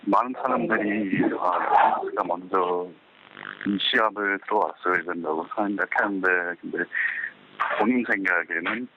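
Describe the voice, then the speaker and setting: Deep-voiced male interpreter, muffled phone line. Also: rapid-fire, slight background noise. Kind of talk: consecutive interpreting.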